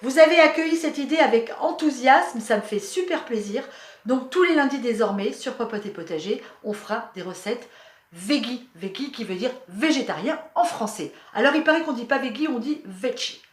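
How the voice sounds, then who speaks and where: A woman hosting a home cooking show, chatting warmly and explaining each step of a recipe. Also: a little high, expressive, moderate pace. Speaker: cooking channel host. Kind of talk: cooking demonstration. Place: home kitchen.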